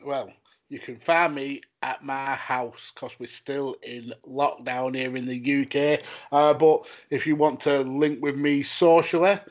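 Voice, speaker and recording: A man's voice: mid-range voice, little pitch movement, measured pace, dull audio. A man with a northern English Lancashire accent, chatting casually on a podcast. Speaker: podcast co-host.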